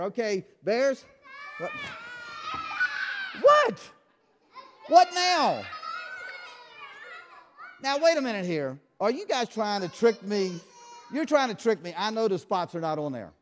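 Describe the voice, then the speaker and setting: In an echoey church hall full of live audience, a man puts on a children's magic show, feigning surprise and quizzing the kids in call-and-response. His high-pitched voice is expressive and fairly quick, with noise in the background.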